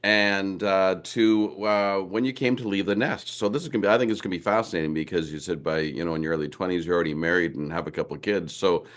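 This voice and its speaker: A man's voice: sits low, fast talker, few pauses. A man hosting a podcast, asking questions in an enthusiastic, rambling way with playful turns of phrase. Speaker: podcast host. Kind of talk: casual interview chat.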